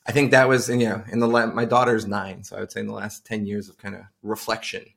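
Talking fast in a low, creaky, slightly bright voice with a level tone, a middle-aged Long Island tech entrepreneur chats on a podcast. It's a casual interview, and he fills it with informal anecdotes.

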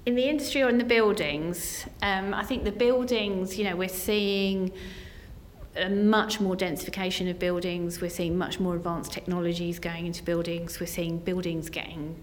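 Woman, slightly low pitch, earnest interview guest, conversational, some rumbly background noise. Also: fairly even intonation, normal speed. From Essex, England. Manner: earnest, often says "you know" and "kind of". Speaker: interview guest, senior business executive.

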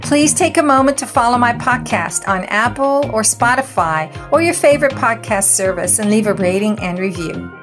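Over music, a podcast host reads her scripted introductions and promos before moving into interview chat, sounding earnest and encouraging. Her fairly high voice is animated and moves at a moderate pace.

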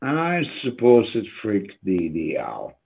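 An older man chatting casually and reminiscing about old friends, slow and profane, heard over a phone or video call. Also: fairly low pitch, huge pitch swings, gravelly, husky. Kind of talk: casual chat. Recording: tinny phone-like line.

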